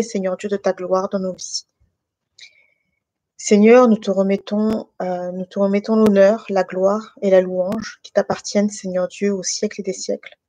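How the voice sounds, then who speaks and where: A woman's voice: mid-range voice, dark tone, no echo. Hesitant woman, dry close sound. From France, of Guinean parents. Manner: hesitant, many fillers and restarts. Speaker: guest giving a faith testimony. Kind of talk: casual spoken testimony and improvised prayer. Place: at home, in her living room. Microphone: online call.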